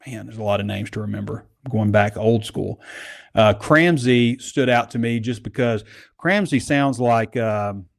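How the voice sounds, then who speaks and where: Rambling low-voiced sports host. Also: male voice, moderate pace, vocal fry. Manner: rambling, conversational. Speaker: podcast host. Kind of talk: casual sports chat.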